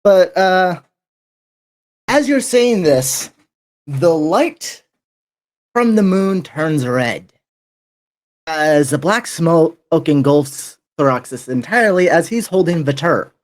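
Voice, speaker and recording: A man's voice: fairly high pitch, expressive, slow, pauses often. A man narrating as dungeon master in a tabletop role-playing game, with hesitant fillers.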